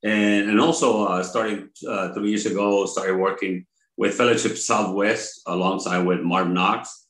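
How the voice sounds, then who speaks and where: An older man from Mexico, a pastor, talking in an interview in a halting way with many pauses and fillers. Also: lowish voice, steady tone, fairly bright tone. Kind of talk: conversational interview. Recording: roomy echo.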